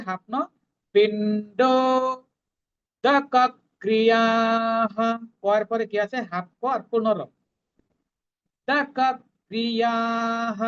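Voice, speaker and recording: A woman teaching Sanskrit verse recitation, chanting each line slowly and then explaining the pronunciation in quick, plain speech. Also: mid-range voice, clean tone, muffled recording. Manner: slow drawn-out chanting alternating with quick explanations.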